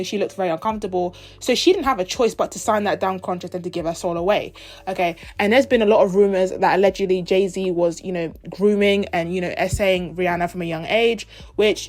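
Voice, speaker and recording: A woman's voice: medium pitch, a little mellow. A 21-year-old woman from the United Kingdom and Zimbabwe, ranting casually in an opinion vlog. She talks in an emphatic, indignant way and mimics other people in quoted asides. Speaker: vlogger.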